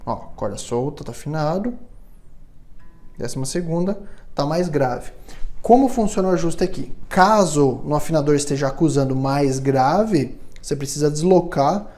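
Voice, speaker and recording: A man walks through a guitar setup in a patient, explanatory way and keeps checking that the viewer follows. His voice sits a little high for a man, with a mellow, soft tone. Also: lively intonation, moderate pace. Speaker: guitar luthier instructor. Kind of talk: step-by-step instrument setup tutorial.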